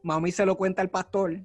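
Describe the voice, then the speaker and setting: A man with a somewhat high voice recounts a story on a casual podcast, animated and dramatic in how he tells it. Faint music sits under his voice. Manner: animated storyteller, acts out shouts. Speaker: podcast co-host.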